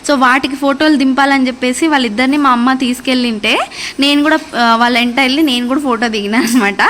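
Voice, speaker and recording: Young woman, family vlogger, casual chatty narration, playful asides, slightly high pitch. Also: fairly even intonation, fast, fairly bright tone, a little hiss or hum. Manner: chatty, reminiscing over old photos with playful asides.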